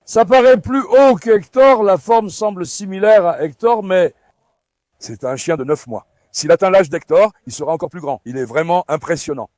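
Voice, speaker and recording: High-voiced man vlogging among his dogs. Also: moderate pace, no room sound. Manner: coaxing and calming dogs, shouting commands. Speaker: farm dog owner and vlogger. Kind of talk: casual vlog talk to camera and dogs.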